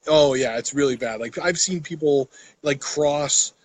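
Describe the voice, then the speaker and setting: A man's voice: fairly high pitch, unhurried, rough recording. A middle-aged man hosting a casual vlog conversation. He talks hesitantly, with many fillers, and teases his co-host. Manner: hesitant, filler-heavy, teasing. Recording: faint background noise.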